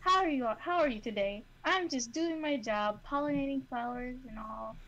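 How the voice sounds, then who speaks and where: A woman's voice: high voice, normal speed, a bit bright, dull audio. A woman voicing a cheerful, friendly bee that greets people politely, in a sing-song, gushing way. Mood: sweet.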